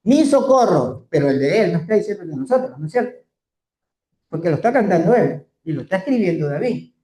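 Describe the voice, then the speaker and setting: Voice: medium pitch, very animated, warm tone. A Torah teacher leading a scripture class, often putting questions to the listeners and stretching out key phrases. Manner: asks the class rhetorical questions; slow, drawn-out emphasis on key phrases. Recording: roomy echo.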